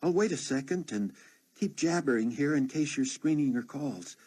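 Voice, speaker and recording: A woman's voice: sits low, animated, normal speed, mellow, slightly rough, pitched above the performer's own voice. A man voicing a friendly, chatty female flight attendant leaving a phone message. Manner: chatty, breezy.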